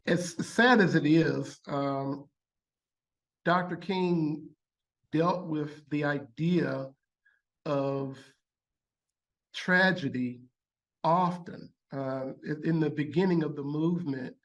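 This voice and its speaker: A man reflecting in an unscripted interview, speaking in deliberate, halting phrases with pauses. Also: a little high, highs cut off. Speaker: interviewed commentator.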